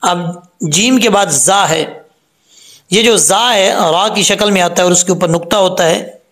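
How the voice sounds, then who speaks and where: A man. He talks slowly and patiently, explaining each letter step by step. Now and then he chants the verse in a drawn-out voice. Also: high voice, fairly bright tone. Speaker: Quran recitation teacher. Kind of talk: tajweed lesson with recitation.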